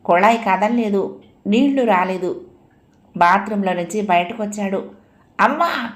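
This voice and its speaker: A woman reading a story aloud in a gentle, unhurried storytelling manner. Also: medium pitch, fairly even intonation. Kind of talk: audiobook story narration.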